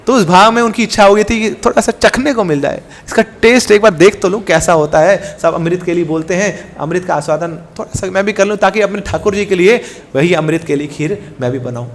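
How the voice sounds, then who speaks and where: Man, devotional sermon, storytelling, animated, conversational, high-pitched voice. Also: brisk, hardly any pauses. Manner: animated, conversational, asks the audience. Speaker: preacher.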